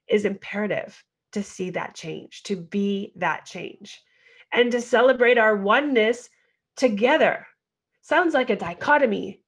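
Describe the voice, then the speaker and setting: Woman giving an earnest motivational monologue. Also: medium pitch. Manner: earnest, exhorting, rhetorical questions. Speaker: podcast host.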